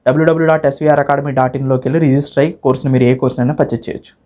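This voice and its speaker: A man's voice: medium pitch, steady tone, rapid-fire, mellow. A man with a Telugu accent giving an informal instructor's walkthrough, mixing English words heavily into his Telugu and repeating phrases step by step. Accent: Telugu, Andhra Pradesh or Telangana. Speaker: online academy instructor. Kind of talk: informal course walkthrough for exam students.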